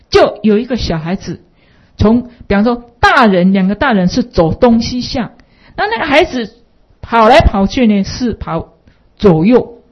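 Brief: woman Buddhist lecturer, husky, filler-heavy, lo-fi recording. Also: on the high side. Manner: rambling, many fillers and rhetorical questions. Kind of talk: dharma lecture with anecdotes. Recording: dull lo-fi recording.

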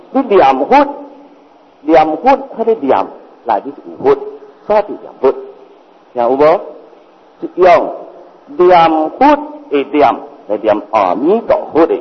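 A man's voice: a little high, slightly rough. Older man preaching in Hokkien-tinged Mandarin. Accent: Hokkien-influenced Mandarin. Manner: repetitive, explains with rhetorical questions. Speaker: Buddhist master. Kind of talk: Buddhist sermon. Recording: reverberant, dull lo-fi hall recording.

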